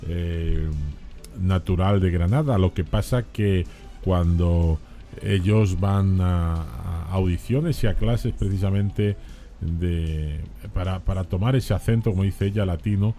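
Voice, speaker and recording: A man hosting a Spanish-language radio show, talking in a relaxed, conversational way with frequent restarts. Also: sits low, takes it slowly, soft background music. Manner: conversational, hesitant with many restarts. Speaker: radio host. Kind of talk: casual radio talk.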